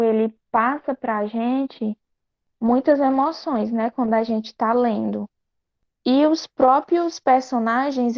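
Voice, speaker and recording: A woman with a Brazilian Portuguese accent presenting a tale in class in a measured way, with light fillers. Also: a little high. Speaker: student presenter. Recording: dull lo-fi recording.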